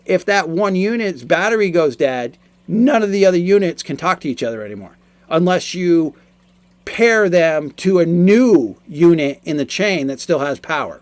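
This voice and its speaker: A fairly high-pitched, animated man in his forties explains a product in a casual review, recorded dry. His speech is halting, and he tends to repeat himself.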